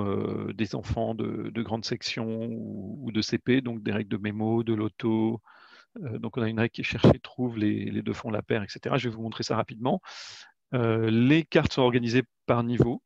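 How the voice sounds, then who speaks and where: His voice is medium-pitched, creaky, and darkish as he presents his educational card games over a video call, stumbling with "euh" fillers and restarts. The webinar audio from his computer mic is dry, dull, and lo-fi.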